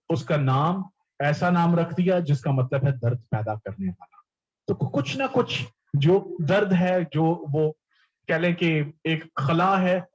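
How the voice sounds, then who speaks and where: A man's voice: on the high side, darkish tone, breathy edge, dull audio. A man preaching a sermon, explaining scripture and repeating key words, often mixing English terms into his teaching.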